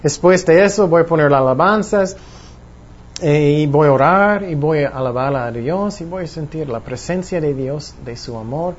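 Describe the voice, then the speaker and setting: A man's voice: a little high, moderate pace. A man preaching a sermon with a plain teaching tone, asking his listeners rhetorical questions and acting out the worried voices in their heads. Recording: dull lo-fi recording with faint noise.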